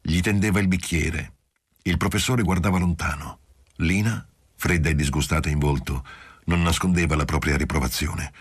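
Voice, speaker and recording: A man giving steady, measured literary audiobook narration. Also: low voice, husky, dry recording, clean studio sound.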